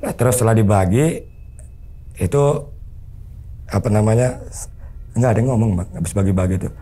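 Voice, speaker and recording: Man interview guest, dark husky voice, quick earnest storytelling, quotes dialogue. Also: on the low side. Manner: earnest, acts out remembered dialogue. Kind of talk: conversational storytelling.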